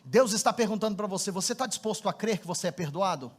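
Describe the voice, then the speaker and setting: A pastor with a Brazilian Portuguese accent delivers a sermon in a strikingly high voice. He tells stories with animation and presses into fervent, repeated appeals to his listeners. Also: animated, fast, slightly rough.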